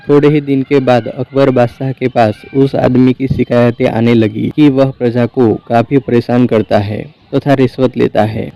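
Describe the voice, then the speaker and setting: A man reading folk tales aloud as a storyteller, in an even, measured narration. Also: medium pitch, creaky. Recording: dry, slightly dull recording.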